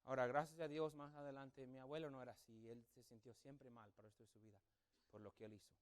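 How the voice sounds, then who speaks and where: A man's voice: medium pitch, steady tone, fast talker. A man preaching a sermon as a pastor, telling a story and acting out family members' voices. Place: church sanctuary.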